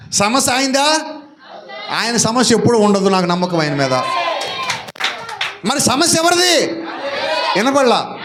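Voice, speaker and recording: A male pastor preaching a sermon and firing rhetorical questions at the congregation, often shouting. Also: high-pitched, slight background noise.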